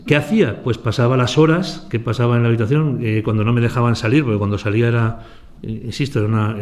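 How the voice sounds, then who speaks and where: A man's voice: mid-range voice, darkish tone. A man from Aragon, a writer, giving a conversational talk to students that is full of rhetorical questions. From Aragon, Spain. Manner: conversational, addresses listeners directly, rhetorical questions.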